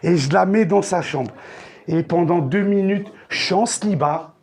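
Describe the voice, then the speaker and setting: A man doing stand-up comedy on a theater stage, telling crude, slangy stories with loud outbursts. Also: sits high, measured pace.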